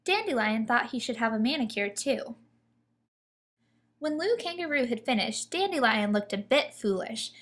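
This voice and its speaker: A woman reads a children's picture book aloud with expressive storytelling, her voice a little high and her pace moderate.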